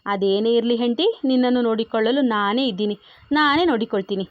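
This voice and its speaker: Woman reading a teasing possessive young husband, bossy storybook hero, fairly high voice, dry slightly dull recording. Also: quick pace, no room sound, close to an everyday voice.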